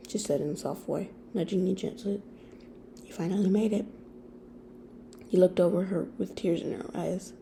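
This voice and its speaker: A young woman reads a fan story aloud in a soft-spoken way, rambling a little when she talks off script. Her voice is mellow and full of vocal fry. Faint background noise sits under the recording in an office. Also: on the low side. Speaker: story reader. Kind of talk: fan fiction reading. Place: friend's office.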